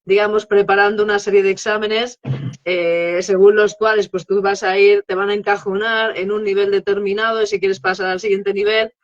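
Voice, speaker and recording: A woman's voice: medium pitch, level tone, moderate pace. Woman, interview guest, explanatory, frequent check-in questions, slightly dull lo-fi stream audio. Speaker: guest, English teaching expert.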